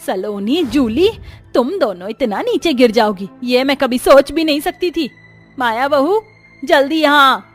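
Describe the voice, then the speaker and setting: Stern older mother-in-law voiced by a woman, cartoon story, high-pitched, faint background music. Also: expressive, normal speed. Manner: scolding, cursing outbursts.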